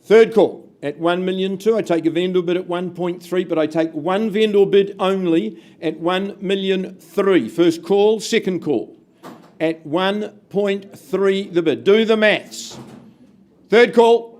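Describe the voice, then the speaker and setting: High-pitched male auctioneer calling bids. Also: a little slow, darkish tone. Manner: projected, emphatic count-down calls to the room. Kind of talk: live property auction calling. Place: live auction room with bidders.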